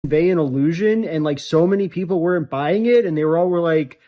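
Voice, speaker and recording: A man with a notably high voice rants to camera in a played clip, exasperated and self-mocking. He talks casually, slipping into little imagined voices. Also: quick pace, dull audio.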